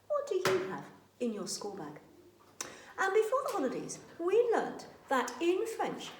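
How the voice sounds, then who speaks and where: A high-voiced woman teaching young learners, her pitch leaping about in a sing-song way as she stretches each word out very slowly. She repeats new words with emphasis. The sound is echoey, as if in a bare room. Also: a little mellow, a little hiss or hum. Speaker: French teacher. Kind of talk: children's language lesson.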